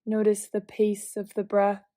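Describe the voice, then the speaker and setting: With long pauses between each phrase, a medium-pitched woman leads a guided visualization, her instructions calm, gentle, and measured. There's no echo in the recording.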